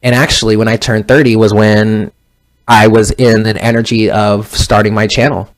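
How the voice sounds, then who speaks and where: A man's voice: on the low side, little pitch movement, normal speed. A man in his thirties giving a casual tarot reading, rambling and often correcting himself mid-sentence. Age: 30s. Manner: rambling, self-correcting, conversational. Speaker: tarot reader.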